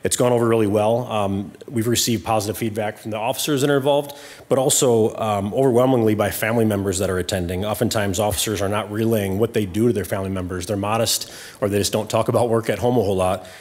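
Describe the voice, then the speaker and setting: A man's voice: fairly low pitch, fairly even intonation, quick pace, a little mellow. A man in his forties, a police captain, explaining an awards program to a city council in a plain way with many ums, speaking into a desk mic in a council chamber. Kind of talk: council presentation.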